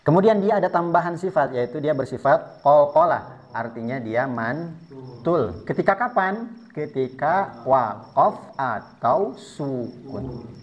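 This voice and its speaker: A man's voice: a little high, expressive, slow. A man teaching Quran recitation rules, patiently explaining each step and modelling sounds for students to repeat. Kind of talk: tajwid lesson with spoken demonstrations. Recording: dull lo-fi sound.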